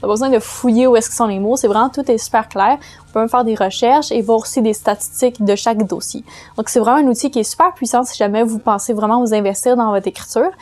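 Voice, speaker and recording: A woman with a Quebec French accent talks through her writing tips in a relaxed vlog. Her voice sits a little high, and she explains loosely, pausing often to find her words. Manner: chatty, explains loosely with many hesitations. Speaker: vlogger giving writing tips. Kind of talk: casual tutorial vlog.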